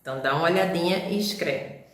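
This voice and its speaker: A woman's voice: lowish voice, fast talker, reverberant. A woman teacher with a Brazilian Portuguese accent, giving a recorded lesson to young children and sounding out letters and syllables patiently.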